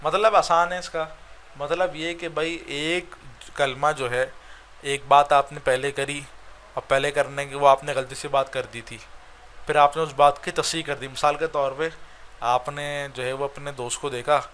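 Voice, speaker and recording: A man's voice: on the high side, steady tone, fairly bright tone, a little hiss or hum. A man with a Pakistani Urdu accent teaching Arabic grammar in a recorded online lecture, explaining step by step and checking "right?" after each point.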